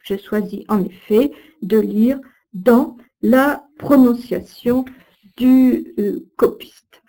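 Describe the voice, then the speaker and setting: Slow, careful French-accented woman teacher. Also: fairly high pitch, warm tone. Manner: slow, careful, deliberate diction. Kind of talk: reading a recorded lesson.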